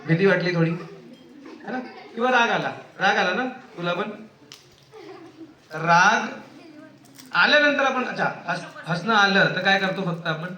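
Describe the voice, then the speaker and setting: A man's voice: sits high, a little slow, long pauses, pushed and bright. A man with a Marathi accent, a child psychiatrist, teaching young schoolchildren and asking them many questions. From India. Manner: asks many questions, acts out children's voices. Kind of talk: classroom talk with children. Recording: echoey classroom, children's chatter.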